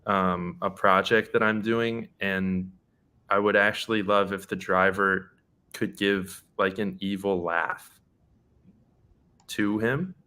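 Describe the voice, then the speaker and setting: Male prank caller, slightly low voice, polite, halting, fumbles his words. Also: fairly even intonation, bright, forceful tone. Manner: hesitant, overly polite, lots of um and restarts. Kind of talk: prank phone call.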